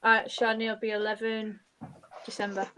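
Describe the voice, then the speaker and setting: A woman hosts a casual group chat and tells stories with many hesitations. She greets viewers as they join. Her voice is fairly high. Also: monotone, a little fast, sharp tone, a little hiss or hum, poor audio.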